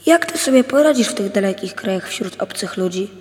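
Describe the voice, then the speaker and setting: A man's voice: sits high, animated, fairly quick, roomy sound, big-room sound. A man voicing an anxious adult wife who pleads with her husband, in a storybook reading. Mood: worried. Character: worried caring wife, adult woman.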